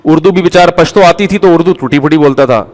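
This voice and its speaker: In a large hall with long reverb, a man preaches an Islamic sermon in a conversational way. He tells stories animatedly, slipping into the voices of the people in them, and his voice is a bit high for a man.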